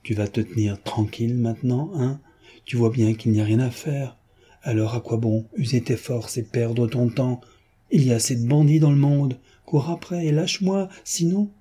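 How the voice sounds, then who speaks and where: A man voicing a mocking, boyish gentleman thief who talks to a young man in a teasing, patronizing way. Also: mid-range voice, lively intonation, a little slow, slightly rough. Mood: cold threat.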